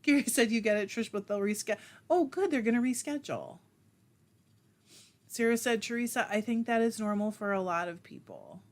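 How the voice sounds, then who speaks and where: Reading viewer comments aloud, a woman hosts a casual livestream and chats back in a self-deprecating way. Her voice is fairly high-pitched and a little fast, and she laughs often.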